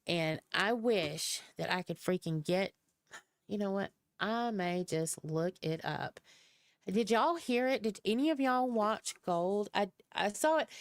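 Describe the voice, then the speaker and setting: A woman streamer host from the American South chats casually on a live stream with a Southern US accent, rambling and poking fun at herself. Her mid-range voice is smooth, with no echo.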